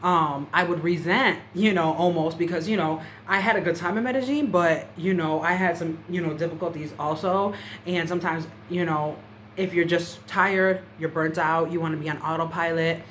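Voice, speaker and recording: Casual woman vlogger, fairly low voice, rambling with lots of fillers, slight background hiss. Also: normal speed, fairly bright tone. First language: English. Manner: chatty, many "you know" fillers. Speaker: language-learning vlogger. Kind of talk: casual talk to camera. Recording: faint background noise.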